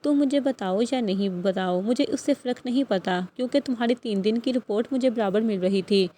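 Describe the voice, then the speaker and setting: A woman's voice: fairly high pitch, warm tone, natural voice. A woman reading the lines of a domineering young husband in an audiobook novel, with a commanding, threatening tone. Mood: stern.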